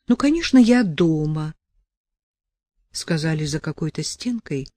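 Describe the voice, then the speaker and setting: A woman reading an audiobook with expressive, ironic storytelling. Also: low voice, dry recording, clean studio sound. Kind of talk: audiobook narration.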